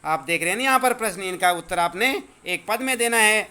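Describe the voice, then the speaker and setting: A male teacher explaining a school lesson to children, patiently repeating words slowly so they learn the pronunciation. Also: high-pitched, pushed and bright, smooth.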